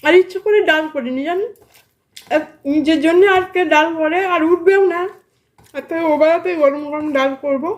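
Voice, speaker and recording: Woman, very high voice, mouth full, casual mealtime vlog chat, chatty and direct to viewers. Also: normal speed. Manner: talking with mouth full while eating. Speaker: vlogger. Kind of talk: casual chat while eating lunch.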